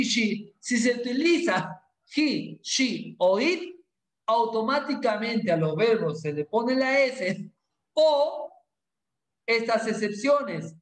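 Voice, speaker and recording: A male English teacher quizzes his students in a playful, animated way. His pitch moves a lot while his pace stays slow and deliberate. The room echoes around him. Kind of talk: classroom lesson.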